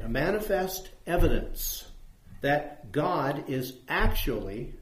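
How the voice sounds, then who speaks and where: A man's voice: mid-range voice, darkish tone, roomy sound, low-quality recording. A man teaching a Bible study who puts questions to his listeners.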